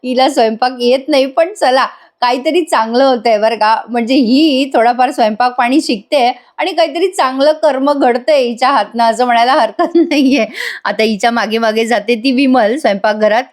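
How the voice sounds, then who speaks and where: A woman's voice: a little high, normal speed. A woman with a Marathi accent recapping a TV serial episode in a chatty voice-over, often laughing and talking to her viewers. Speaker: serial reviewer.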